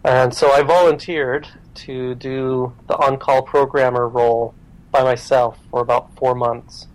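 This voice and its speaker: Relaxed self-deprecating male guest. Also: medium pitch, measured pace, low-quality recording. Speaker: podcast guest, programmer and writer. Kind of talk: casual interview chat.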